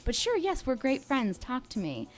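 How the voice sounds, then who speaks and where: Animated storyteller woman in her thirties. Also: high voice, normal speed. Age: 30s. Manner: animated, acts out quoted dialogue. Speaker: streamer's girlfriend, guest. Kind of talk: casual storytelling on a livestream.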